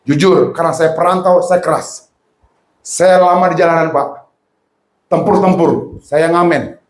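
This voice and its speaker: A man from North Sumatra preaching a sermon as pastor, telling stories and speaking straight to the congregation, slipping in English words. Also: sits high. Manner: animated storytelling preaching, addresses congregation directly. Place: church hall. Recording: echoey church hall.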